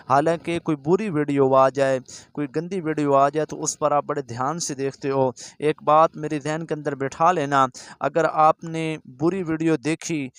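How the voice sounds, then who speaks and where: A man teaching Quran recitation, spelling out each letter and vowel mark before reciting the word slowly. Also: on the high side, a bit bright, clean tone, dry recording. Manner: quick, earnest spoken explanation between recited words. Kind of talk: step-by-step recitation lesson.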